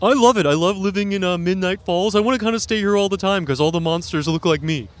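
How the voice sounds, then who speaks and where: A man's voice: sits high, fast, close to an everyday voice. A man voicing a timid, goofy monster who lives under the bed, talking bashfully as a puppet at a haunt event. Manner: goofy, bashful, nervous joking.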